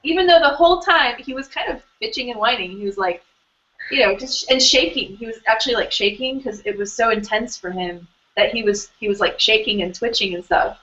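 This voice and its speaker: A woman's voice: a little high, fairly quick, pushed and bright, lo-fi sound. A woman hosting an online hangout, talking casually and rambling with lots of fillers and restarts. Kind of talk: casual conversational interview.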